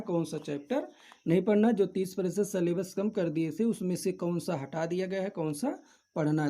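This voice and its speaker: A man's voice: sits high, dark tone. A male teacher going through a syllabus for his students, listing each chapter one by one in a methodical, repetitive and instructive way. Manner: addresses students directly and instructively. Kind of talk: syllabus walkthrough lesson.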